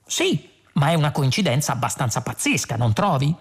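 A man's voice: a little high, very animated, brisk, slightly rough, faint music behind. A man playing Zaphod, a vain, scatterbrained galactic rogue. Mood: baffled. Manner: boastful, feigning dimness. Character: vain, scatterbrained two-headed male galactic president.

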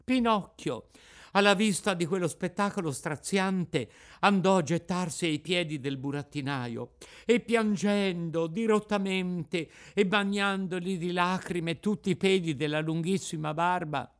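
A man narrating a classic children's tale in a theatrical, expressive reading. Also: high voice, a little slow. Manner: expressive, rises and falls with the tale.

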